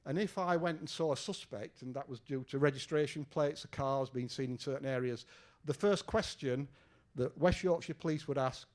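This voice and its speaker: A man's voice: medium pitch, normal speed. An older English man, a retired detective, giving a conversational lecture with fillers and questions to the audience. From England. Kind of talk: lecture presentation. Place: lecture room.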